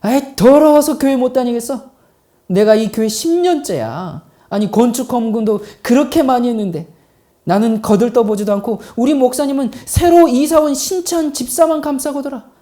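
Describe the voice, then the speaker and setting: A preacher mimicking a huffy grumbling church deacon. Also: male voice, extremely high pitch, moderate pace, mellow. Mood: aggrieved. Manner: huffy complaining, aggrieved.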